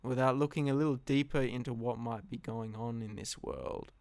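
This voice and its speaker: A man giving an earnest, reflective philosophical monologue, speaking deliberately in short phrases with long pauses. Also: mid-range voice, steady tone, a little mellow, dry recording. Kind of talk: solo reflective monologue, slow spoken address.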